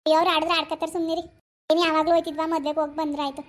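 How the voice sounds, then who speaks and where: A woman plays a fretful older village mother in a cartoon. She chatters quickly, sighing and fussing. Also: sits high, little pitch movement, lightly acted. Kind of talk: animated cartoon voice acting.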